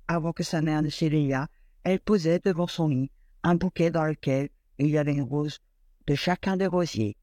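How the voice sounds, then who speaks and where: A man reading a classic fairy tale aloud in an expressive, lilting storyteller manner. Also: fairly high pitch, no room sound.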